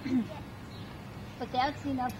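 A grandmother chatting softly with family, admiring the children, picked up from across the room by a home camcorder. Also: high-pitched, little pitch movement, slow pace, lo-fi sound. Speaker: visiting grandmother. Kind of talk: casual family chat. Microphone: camcorder mic from a distance. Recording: distant noisy camcorder audio.

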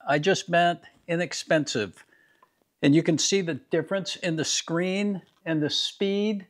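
A man in his fifties, a garage channel host, plainly demonstrating scan tools in his home garage. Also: fairly high pitch. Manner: plain, practical, unhurried explaining. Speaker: DIY mechanic channel host. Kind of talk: casual product demo.

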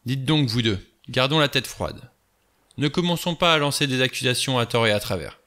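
A man's voice: mid-range voice, animated, moderate pace, pushed and bright, pitched above the performer's own voice. A man reading the part of a cool, sardonic male adventurer who talks in a wry, offhand way.

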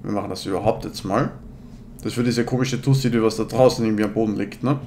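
A man's voice: on the low side, steady tone, quick pace, a little mellow, a little hiss or hum. A man in his thirties commenting casually on a game in slangy, laid-back talk, slightly slurred by new braces. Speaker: let's player.

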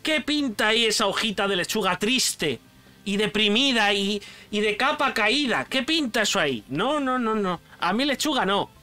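This is a young man from Spain, high-voiced and speaking at normal speed with a Spanish accent. He casually and excitedly ranks foods for his channel, packing in slang and calling his viewer "tío".

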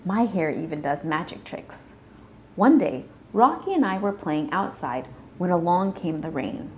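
Woman, storybook read-aloud for little kids, slow and lively, light room hiss. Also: fairly low pitch. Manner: slow, animated reading with playful voiced sounds. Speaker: children's storybook reader.

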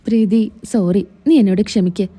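A woman retelling a serial, voicing a quick-tempered young man who snaps and scolds. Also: medium pitch, fairly even intonation, warm tone, voice pushed down, close to an everyday voice. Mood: sheepish.

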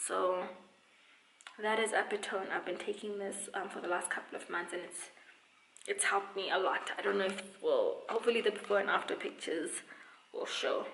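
A woman in her twenties, a vlogger who dances and teaches dance, chats casually to camera from a small room at home. Her mid-range, fairly bright voice has vocal fry and normal speed, with roomy echo and a little hiss or hum. She's playful and emphatic, often repeating words for stress.

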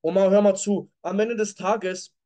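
A man's voice: high-pitched, fairly even intonation, moderate pace, warm tone. A man hosting a live online sales coaching session, answering viewer questions bluntly and leaning on repeated catchphrases.

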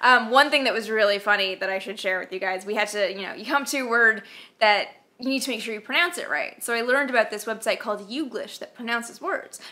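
A woman's voice: fairly high pitch, sharp tone. A young woman with a Canadian accent chatting casually as a vlog host, answering viewer questions with lots of fillers. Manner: chatty, uses many fillers. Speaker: YouTube host and author.

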